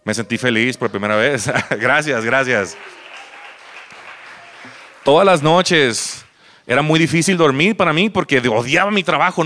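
Bright-voiced Mexican man telling a story. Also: a little high. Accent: Mexican Spanish. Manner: animated, acts out other people's lines, swears casually. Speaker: stand-up comedian telling a personal story. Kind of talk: live personal storytelling.

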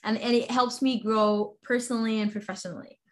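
A woman's voice: on the high side, steady tone, a little fast. A woman from Sudan, a guest in an interview, talking enthusiastically with many fillers and restarts. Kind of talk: interview conversation.

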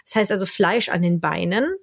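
A woman's voice: on the low side, fairly quick, vocal fry. German-speaking woman podcasting, chatty, laughs a lot, mimics little sounds. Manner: lively, laughs often, imitates sounds. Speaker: podcast co-host; teacher. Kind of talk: casual chat. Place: lives in northern Sweden.

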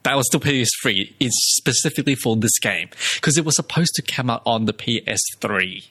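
Bright-voiced man in animated casual chat. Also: medium pitch, a little fast, breathy edge. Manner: animated, repeats words for emphasis, laughs often. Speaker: podcast co-host.

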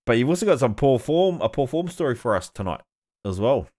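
A man's voice: mid-range voice, sing-song, a little fast, darkish tone. A man with a New Zealand accent hosting a podcast in laid-back, slangy, sweary casual chat. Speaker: podcast host.

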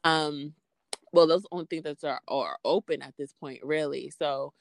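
A low-pitched woman from Queens, New York, speaks at a normal speed with fairly even intonation and a creaky quality, with no echo. She's a freelance podcaster appearing as a guest in a casual conversational interview. Her speech is informal, peppered with "like" and "you know."

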